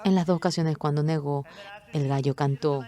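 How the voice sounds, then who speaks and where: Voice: medium pitch, moderate pace. A speaker interpreting a Bible sermon, telling the story expressively and acting out the quoted lines. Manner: expressive storytelling, acts out quotes and rooster calls.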